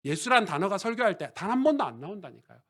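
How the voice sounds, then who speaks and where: A male pastor preaching a sermon, shifting from quiet conversational asides to loud emphatic declarations and asking the congregation questions. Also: high voice, sing-song, fast.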